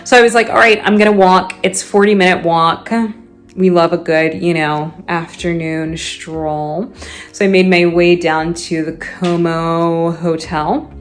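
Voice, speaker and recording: A woman's voice: on the low side, fairly even intonation, unhurried, faint music behind. Chatty woman vlogging to her phone. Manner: chatty and laughing often, acts out quoted people. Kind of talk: casual chat to camera. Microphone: handheld phone camera.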